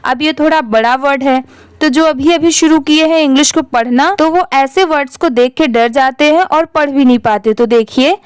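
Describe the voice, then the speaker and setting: A woman's voice: high voice, moderate pace, dry recording. A woman teaching English reading, spelling words out letter by letter and patiently repeating each one before blending it. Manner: patient, repeats each word several times. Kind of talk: slow spelling-out lesson.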